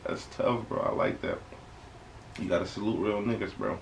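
Low-voiced young American man, slangy reactor. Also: big pitch swings, moderate pace. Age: young adult. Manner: slangy, conversational, emphatic repetition. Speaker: reaction video host. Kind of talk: casual reaction commentary. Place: small bedroom indoors. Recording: clear background noise, home webcam recording.

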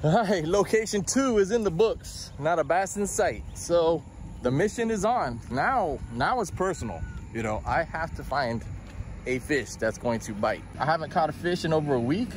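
A chatty, upbeat South Florida fishing vlogger in his 40s talks to himself in a fairly high, animated voice at a moderate pace. He's a bit out of breath from the heat while filming a casual vlog by a canal and in his truck. A handheld camera held at arm's length picks him up, with faint background noise.

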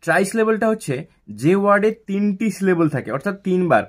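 With lively intonation and a fairly high pitch, a man teaches English grammar in classroom fashion. He asks a question, answers it, and breaks example words into slow, distinct syllables.

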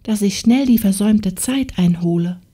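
A woman voicing a humble, gentle young peasant maid in a fairy tale audiobook, speaking timidly and pleadingly. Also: mid-range voice, moderate pace, breathy edge, lightly acted. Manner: timid, pleading, soft-spoken.

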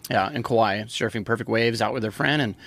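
A man's voice: fairly low pitch, brisk, gravelly, fairly bright tone. A man from Hawaii, talking as a podcast guest in casual chat, rambling with many restarts and fillers, close on a studio mic.

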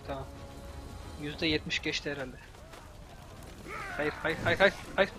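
Young turkish guy gaming, high bright voice, keeps yelling at the screen, faint music behind. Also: a little slow. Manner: yelling and cursing at the game, exasperated. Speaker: gameplay commentator. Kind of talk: let's-play commentary.

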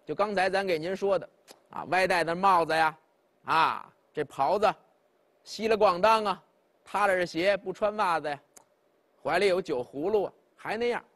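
A man's voice: high-pitched, normal speed, fairly bright tone. A man performing traditional Chinese storytelling, chatting directly with his listeners as he narrates. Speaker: pingshu storyteller.

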